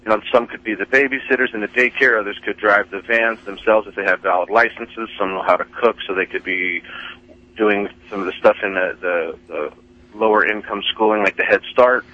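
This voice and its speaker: A man's voice: on the low side, steady tone, a little fast, sharp tone. A man calling in to a talk radio show over the phone, folksy and rambling. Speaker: caller. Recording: dull phone line.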